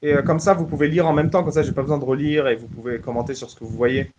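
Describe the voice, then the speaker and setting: A man's voice: medium pitch, steady tone, rapid-fire, highs cut off, noisy background. A man hosting a casual live audio chat, joking and often restarting his sentences. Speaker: host.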